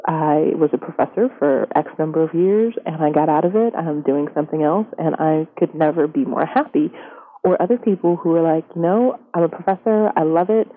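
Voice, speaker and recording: A young woman speaks as an interview guest with her voice electronically disguised to sound deeper. She is candid and reflective, sprinkling in "you know" as she goes. The sound is narrow and phone-like. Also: fairly quick. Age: young adult. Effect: voice disguised electronically, pitched down. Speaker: interview guest, science career columnist. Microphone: telephone. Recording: band-limited telephone line.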